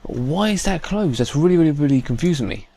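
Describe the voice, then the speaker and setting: A British man with a fairly high, expressive, creaky and warm voice talks briskly. He hosts a gaming video, giving casual let's play commentary as he plays.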